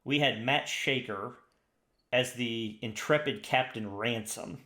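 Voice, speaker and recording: A man co-hosting a tabletop gaming podcast, talking in an eager, rambling way that often circles back on itself. His voice sits at a middle pitch. The room around him is noticeably echoey. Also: slow, bright, forceful tone. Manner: enthusiastic, rambling with restarts. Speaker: podcast co-host. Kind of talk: casual chat. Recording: roomy echo.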